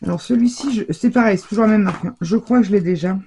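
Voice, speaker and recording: A middle-aged woman presenting her craft shopping haul in a casual, chatty way, hesitating often and filling pauses as she goes. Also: medium pitch, dark tone, slight background noise. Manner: chatty, hesitant, full of fillers and self-corrections.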